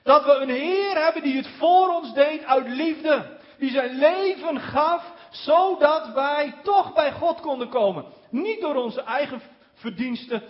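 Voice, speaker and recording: A man preaching a sermon, slowing down on key words for emphasis and chuckling now and then. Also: very high-pitched. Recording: dull lo-fi recording.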